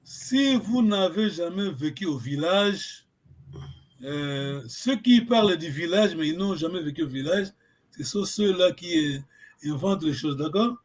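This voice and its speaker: High-voiced man teaching, halting and chatty. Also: lively intonation. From Congo. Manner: halting, searching for words, many fillers and restarts. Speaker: Kikongo language teacher. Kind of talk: informal online language lesson.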